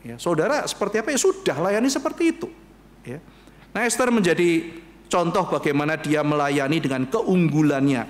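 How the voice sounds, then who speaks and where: A man preaching a sermon as pastor, animated and acting out bits of dialogue as he addresses the congregation. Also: fairly high pitch, normal speed. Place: church.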